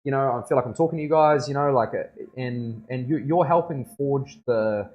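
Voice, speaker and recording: Talking a little fast in a mid-pitched voice, this Kiwi tattoo artist with a broad accent keeps his livestream chat loose and slangy, frequently seeking agreement from viewers. The audio is narrow and tinny.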